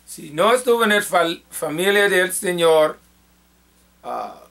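Male Bible teacher, high and bright, slow and halting, self-correcting delivery. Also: big pitch swings, vocal fry. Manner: halting, repeats and corrects himself. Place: church.

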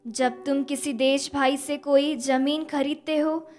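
Slow, high-voiced young woman reading scripture. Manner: even, deliberate recitation of scripture and psalm. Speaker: scripture reader at Mass. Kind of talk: slow, measured liturgical reading. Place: indoor studio chapel. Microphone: stand mic at a lectern.

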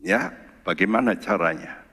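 Male pastor, lively sermon, bright tone, church reverb. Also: low voice, normal speed, creaky, slightly rough. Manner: lively preacher, rhetorical questions, mixes English words. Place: large church hall.

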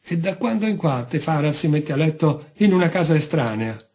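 A man's voice: a little high, sing-song, moderate pace, a little mellow. A man voicing a weary, plaintive old island mother in a read-aloud story.

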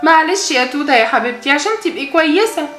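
A woman's voice: high-pitched, lively intonation, fast talker, a bit bright, faint music behind. A woman with an Egyptian Arabic accent voicing a caring mother doll in a soothing, motherly way. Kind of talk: doll play acting. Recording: echoey room.

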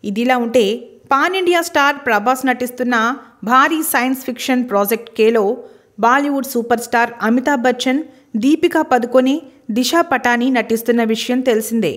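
A woman narrating a scripted entertainment news voice-over in an even, formal read-out manner. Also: fairly high pitch, a little fast.

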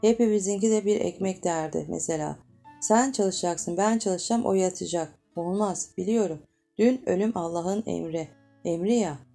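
A woman's voice: fairly low pitch, normal speed, vocal fry, dark tone, faint music behind. A woman voicing Yusuf, a blunt young male cotton-mill worker in a storybook reading, talking in plain village speech. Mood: earnest.

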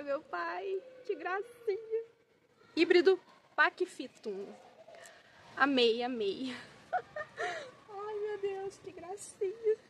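A Brazilian woman with a high voice gushes over each item as she unboxes it for her vlog, exclaiming and talking straight to her viewers. She takes her time between phrases. Faint noise sits behind her. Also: fairly bright tone. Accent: Brazilian Portuguese. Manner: effusive, exclaiming, keeps addressing viewers. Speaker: plant vlogger.

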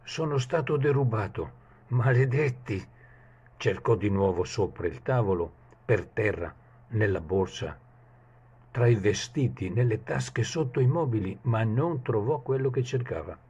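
A man reading a fable aloud in a dramatic storytelling manner, with a husky voice. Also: a little slow, darkish tone, dull audio. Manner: dramatic storytelling, shifts pitch for characters.

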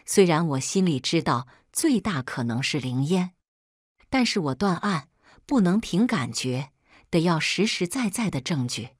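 A woman storyteller reading a first-person story in a brisk, wry way. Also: lowish voice, sing-song, slightly rough, dry recording, studio quality.

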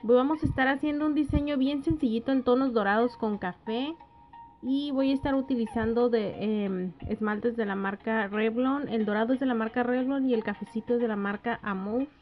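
A woman narrating a nail art tutorial, explaining each step gently and plainly, with little hesitations and soft diminutive words. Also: on the high side, fairly even intonation, moderate pace. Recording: dull lo-fi voice-over with faint music.

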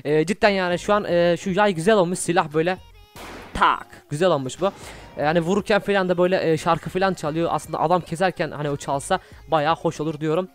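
A young man commentating his own video game play, excitable and easily frustrated, swearing often. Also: on the high side, quick pace, faint music behind. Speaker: gaming YouTuber. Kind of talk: Minecraft gameplay commentary.

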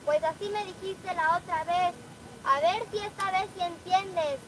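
Very high-voiced woman scolding firmly. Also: measured pace, background noise. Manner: scolding, firm and exasperated. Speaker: vlogger. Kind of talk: casual vlog chat.

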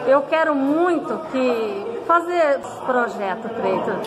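A middle-aged female councillor with a slightly high voice who speaks earnestly to the interviewer. People murmur clearly in the background. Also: animated, slow pace, over a noisy crowd, rough recording. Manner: earnest, addresses the reporter by name. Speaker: city councillor. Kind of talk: interview answers. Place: indoor office with flags.

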